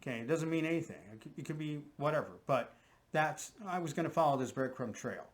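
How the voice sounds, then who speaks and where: A man's voice: a little high, quick pace. A man, a profiler, talking through his theory in casual conversation and often checking in with "right?" and "okay?". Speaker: guest profiler.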